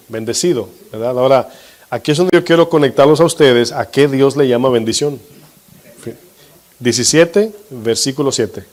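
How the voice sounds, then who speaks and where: Male pastor, mid-pitched voice, steady teaching sermon with questions to the congregation. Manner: slows for emphasis on scripture.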